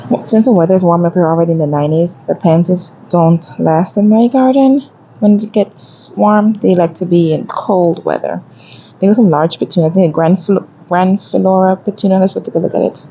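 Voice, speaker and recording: Walking the garden center at a home improvement store, this woman reads plant prices aloud in casual shopping-vlog chatter about gardening. Her voice is on the low side and warm, at normal speed. The recording is muffled, with a bit of background noise.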